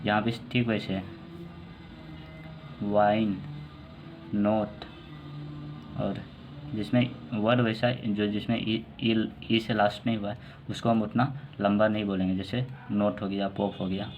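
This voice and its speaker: A man teaching English pronunciation in a calm online lesson, explaining rules and spelling out example words slowly. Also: fairly low pitch, lo-fi sound, faint music behind.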